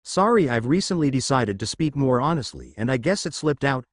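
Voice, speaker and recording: A man's voice: medium pitch, big pitch swings, a little fast, dry recording. A man doing a blunt, caring teen ninja. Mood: earnest. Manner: dry and frank.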